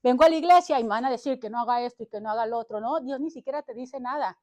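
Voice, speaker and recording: A woman's voice: fairly high pitch, racing, a little mellow. A woman preacher delivering a fervent sermon to a church that is also streamed online, punctuating her phrases with "amén". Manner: fervent and exhorting, driving each point home. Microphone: livestreamed to social media.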